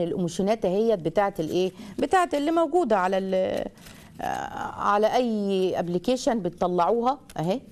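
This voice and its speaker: A woman with an Egyptian accent rattles off parenting advice at a very fast pace. She talks animatedly and slips into the voices of children and parents to show what they say. Her pitch sits in the middle range. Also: a little mellow. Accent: Egyptian Arabic. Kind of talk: lively advice talk to viewers.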